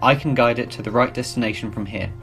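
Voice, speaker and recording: A man's voice: medium pitch, quick pace, fairly bright tone, lightly acted. Man playing a formal spy-mission professor over music. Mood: serious, businesslike. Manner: formal, precise briefing. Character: exacting male professor directing a covert spy mission. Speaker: mission controller. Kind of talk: scripted dramatic acting in a spy film. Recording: background music under the voice.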